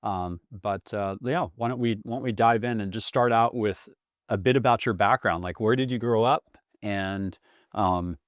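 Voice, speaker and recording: Man in his fifties, slightly low voice, dry close sound, enthusiastic podcast host. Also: moderate pace, dry recording. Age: 50s. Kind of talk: casual interview chat.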